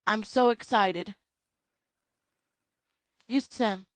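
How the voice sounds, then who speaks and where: A woman voicing a loud, proud Southern Baptist mother in her forties with a Southern US accent, talking in an earnest, rambling, repetitive way. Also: mid-range voice, extremely slow, no echo.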